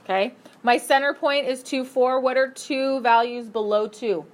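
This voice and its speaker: Brisk woman teaching a math class. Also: sits high, fairly even intonation. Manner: brisk, upbeat, questioning students. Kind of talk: classroom lesson.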